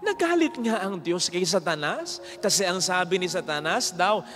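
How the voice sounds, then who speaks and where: Emphatic, high-voiced priest preaching. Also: male voice, normal speed, pushed and bright. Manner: emphatic, preaching with rhetorical questions. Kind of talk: sermon. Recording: long hall reverb, faint music.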